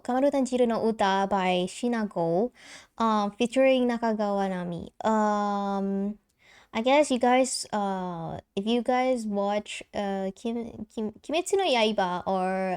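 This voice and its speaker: Her voice is medium in pitch, smooth and somewhat dark in tone. She's a young streamer with a light soprano voice, giggling and chatting casually on a live stream, with lots of fillers and restarts.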